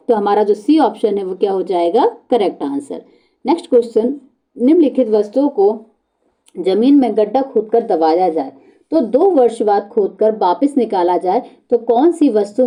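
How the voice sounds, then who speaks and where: Bright-voiced woman teacher explaining answers. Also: fairly high pitch. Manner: asks rhetorical questions to the class and answers them herself; repeats key words and answers, calls out options to children. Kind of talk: exam-prep lesson walking through multiple-choice questions.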